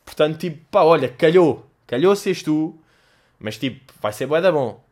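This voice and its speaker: A young man with a European Portuguese accent tells stories on his own podcast in a loose, slangy way. He laughs while he talks and keeps it animated. His voice sits a little high for a man. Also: normal speed. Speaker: podcast host and comedian. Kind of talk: casual solo podcast storytelling. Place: bedroom.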